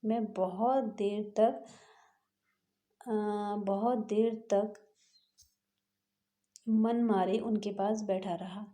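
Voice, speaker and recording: A woman teacher reading a textbook chapter aloud and then retelling each passage in simpler words, slowly and patiently, with pauses. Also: mid-range voice, steady tone, dark tone. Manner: slow, patient explaining with pauses and restarts. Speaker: school teacher.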